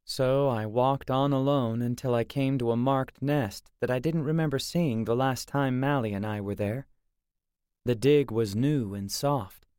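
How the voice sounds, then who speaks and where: A man reading a first-person story aloud in a steady, conversational way, with wry asides. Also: mid-range voice, unhurried, clean tone, dry recording, studio quality. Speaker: audiobook narrator.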